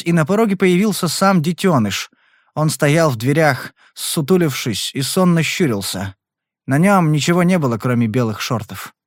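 A man reads a detective story aloud, expressive and lively in his delivery. His voice sits somewhat high and ranges widely in pitch. The sound is close and dry. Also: dry recording. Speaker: audiobook reader. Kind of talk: scripted narration.

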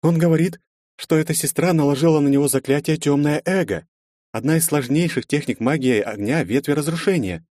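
Man reading as a worried woman mage, higher voice, dry. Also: a little fast, darkish tone, no room sound, natural voice. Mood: tense. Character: female mage, tense, relieved and scared.

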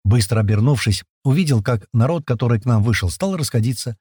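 Man, audiobook narration, husky voice, animated delivery, dry close sound. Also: medium pitch, fast, dry recording. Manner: lively, shifts voice for quoted characters. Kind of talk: scripted first-person narration with acted dialogue.

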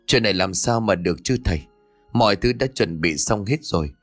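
A man's voice: lowish voice, animated, fairly quick, fairly bright tone, soft background music. A man voicing a grief-stricken elderly father, weary and pleading, in a ghost story. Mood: tired.

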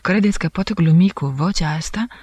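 A man's voice: sits high, darkish tone, husky, no room sound. A woman reading the part of a pale male doctor who confesses in a solemn, formal voice. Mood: grave, solemn.

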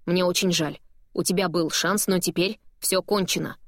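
A woman's voice: fairly low pitch, steady tone, moderate pace, dry recording, studio quality. A woman voicing a stern, weary male boss. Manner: curt, weary, firm. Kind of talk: audiobook character voice.

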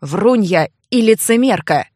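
A woman reading an audiobook, voicing a stern young nobleman with a low, curt, sneering delivery. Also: lively intonation, unhurried, a little mellow, no echo, studio quality. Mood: cold mocking. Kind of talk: audiobook character voice.

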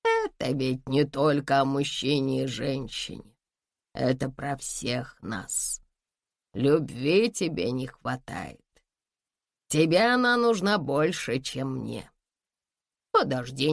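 Elderly mother, read by a woman: tender, fretful, unhurried, low-voiced audiobook read. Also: vocal fry, dry recording, studio quality, full character voice. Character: elderly mother, gentle, worried, wise. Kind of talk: audiobook dialogue.

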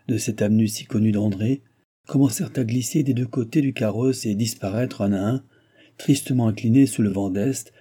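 Audiobook narrator, male, low and husky, steady literary reading. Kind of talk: reading a classic novel aloud.

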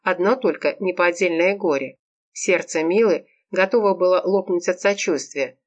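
A woman reading an audiobook, narrating a comic romance in a lively, expressive way. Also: fairly low pitch, normal speed. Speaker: audiobook reader. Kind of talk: scripted narration.

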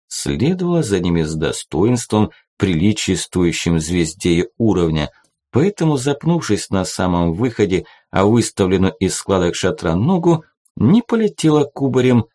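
A man's voice: low voice, darkish tone. A man reading an audiobook as narrator, telling the story expressively. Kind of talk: scripted narration.

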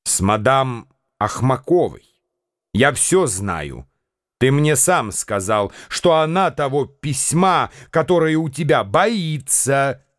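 A man's voice: mid-range voice, very animated, slow pace, dry recording, studio quality. A man voicing a scheming, mocking young swindler who talks in a sly, wheedling way in a radio drama. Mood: scornful.

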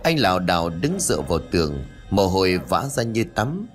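Male audiobook narrator, deep-ish and animated, dramatic storytelling. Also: normal speed, soft background music. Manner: expressive, dramatic.

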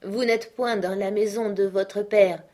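A woman's voice: medium pitch, steady tone, a little slow, warm tone, voice pushed up, natural voice. A woman reading an earnest country doctor. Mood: coaxing.

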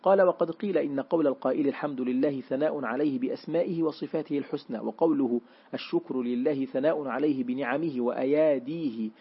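A man with a husky, slightly breathy voice reads a classical religious commentary aloud in a steady, formal recitation. His pitch sits in an ordinary middle range. The recording is dull and lo-fi, with muted highs. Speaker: reader of a classical Quran commentary.

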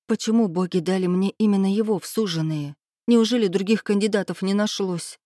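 A woman reading a first-person story aloud as an audiobook narrator, even and measured. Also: medium pitch, no room sound, clean studio sound.

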